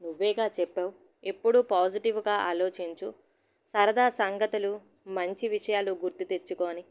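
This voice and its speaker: Sharp-tongued middle-aged wife and mom, testy and sulky, as a woman reads her lines. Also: mid-range voice, fairly even intonation, moderate pace, natural voice. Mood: irritable. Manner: sharp, peevish complaining. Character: irritable middle-aged housewife and mother.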